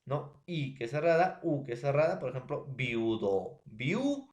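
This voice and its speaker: A man's voice: medium pitch, expressive, normal speed, a little mellow. Peruvian guy teaching grammar, keeps checking the kids are following, normal mid voice. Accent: Peruvian Spanish. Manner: addresses students as jóvenes, checks with ¿ya?. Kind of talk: recorded classroom lesson.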